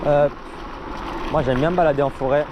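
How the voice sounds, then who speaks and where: A young man talks in a slightly high voice, casual and full of slang. He sounds enthusiastic as he narrates his ride outdoors, with clear vehicle and street noise around him. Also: steady tone, brisk, muffled recording. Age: young adult. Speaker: vlogger on an electric scooter. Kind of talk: casual ride-along vlog chat. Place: outdoors, riding through streets and forest.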